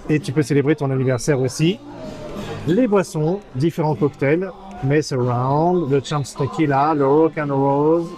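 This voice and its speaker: A slightly high, darkish voice comes from this vlog host, who speaks a little slowly with faint music behind him. He's in an American-style diner, hesitantly reading the menu with many fillers and lovingly teasing his companion.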